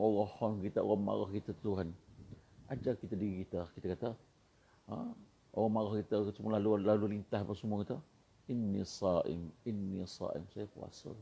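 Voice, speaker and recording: A man preaches a sermon in a Malaysian Malay accent. His voice is gravelly, dark and a little husky. He keeps calling his listeners "tuan" and chants Arabic phrases with swelling emphasis. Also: fairly low pitch.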